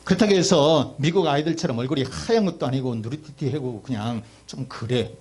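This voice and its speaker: A man's voice: mid-range voice, fairly quick, a little mellow, husky. A man preaching a sermon as pastor, telling stories emphatically and addressing the congregation directly.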